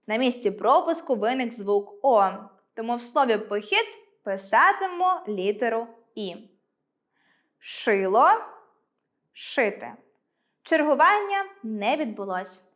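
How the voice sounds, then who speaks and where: Slow, lively-voiced woman teaching a class. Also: medium pitch. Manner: clear, deliberate dictation of example words. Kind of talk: school lesson for children.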